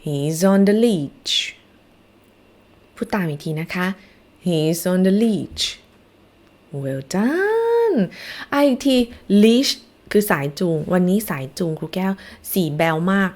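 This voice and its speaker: Lady teacher doing phonics for little kids, bouncy sing-song voice, says the sentences super slow so they can copy. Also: lowish voice. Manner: lively, coaxing, calls learners "ลูก" and has them repeat; drawn-out slow model sentences for repeating. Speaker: English phonics teacher for children. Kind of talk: children's phonics lesson.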